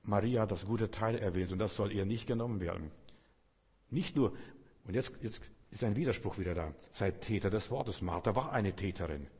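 A man's voice: lowish voice, darkish tone, slightly rough. A man preaching a sermon, speaking earnestly and addressing the listener directly. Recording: long reverb.

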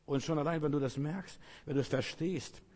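A man's voice: on the high side, brisk, darkish tone. A man preaching an informal sermon in a folksy way, talking straight to the listener and repeating his phrases. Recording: long reverb, as in a hall.

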